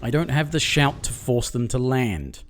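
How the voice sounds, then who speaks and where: A man's voice: medium pitch, very animated, moderate pace, a little hiss or hum. A man streaming a video game, swearing and ranting in frustration at bugs. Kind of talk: casual gameplay commentary.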